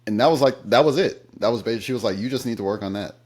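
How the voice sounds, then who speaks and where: An American man talks about his job as an interpreter in an interview, sharing anecdotes thoughtfully and conversationally with the odd filler word. His voice is medium-pitched and somewhat dark, and he speaks rapid-fire.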